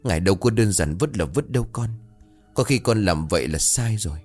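A man's voice: fairly low pitch, expressive, fairly quick, a little mellow, soft background music. A man voicing a frightened old village grandmother who pleads in panic. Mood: worried.

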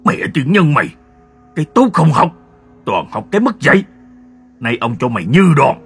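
A man voicing a hot-tempered middle-aged father who scolds loudly and harshly. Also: medium pitch, very animated, moderate pace, voice pushed up. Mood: furious. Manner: loud barking scolding.

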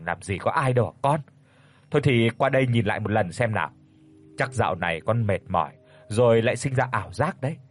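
A gruff old country father fusses and scolds in quick bursts, as a male narrator puts him on. His voice rises and falls a lot and has a slightly husky grain. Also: medium pitch, expressive, close to an everyday voice. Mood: scolding worried. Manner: scolding, fast, rustic.

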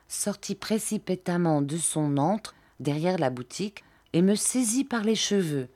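A woman reading a classic novel aloud as an audiobook narrator, steady and measured. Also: deep voice. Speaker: audiobook reader.

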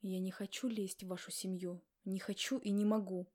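A woman's voice: little pitch movement, moderate pace, darkish tone, close to an everyday voice. A woman voicing a curt, brooding young man who growls his words in an audiobook. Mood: defensive. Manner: terse, low growled delivery.

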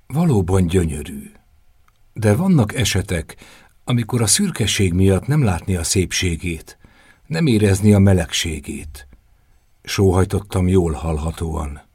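A man narrating a novel in the first person, as an audiobook, with a measured, intimate storytelling manner. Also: sits low, expressive, darkish tone, slightly rough, no echo, studio quality.

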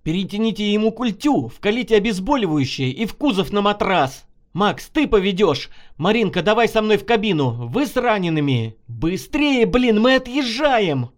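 A man voicing a female army surgeon who snaps out orders under fire and turns soft and quiet in calm moments. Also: sits high, normal speed, few pauses, pitched above the performer's own voice. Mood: commanding. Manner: urgent barked orders, then soft and tearful.

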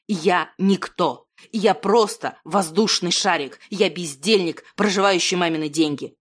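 A woman's voice: on the low side, close to an everyday voice. A woman voicing a self-deprecating thirty-year-old man, a failed artist who talks himself down. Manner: self-deprecating, fumbling, then heated.

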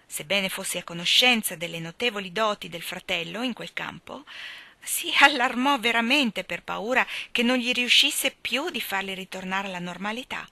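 A woman narrating a novel aloud in a calm, even manner, softening at the ends of phrases. Her voice is bright and crisp, and the recording is dry with no room echo. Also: medium pitch, normal speed. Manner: calm, even storytelling, soft at sentence ends. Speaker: audiobook reader. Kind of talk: scripted audiobook narration.

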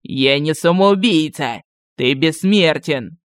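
A proud, hot-tempered general, played by a woman who shouts in indignation in an audiobook. The voice sits low and rings smooth. The sound is close and dry. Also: expressive, slow, dry recording. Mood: indignant. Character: proud angry male general hunting a criminal.

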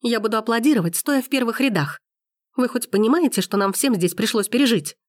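A furious young heroine from an audiobook romance, as a woman reader puts her on, loud and raised well above the narrator's low voice. She exclaims and accuses in a heated rush. The sound is close and dry. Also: lively intonation, fairly quick, dry recording, lightly acted.

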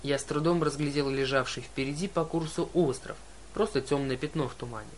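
Male storyteller reading a first-person story, mid pitch, faint noise behind. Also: brisk. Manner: reads the story in first person and voices every character himself. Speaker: audiobook narrator. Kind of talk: scripted narration.

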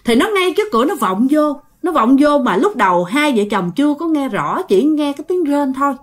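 A woman's voice: sits high, fairly quick. A woman telling a ghost story, speaking straight to her listeners. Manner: animated, addresses listeners directly.

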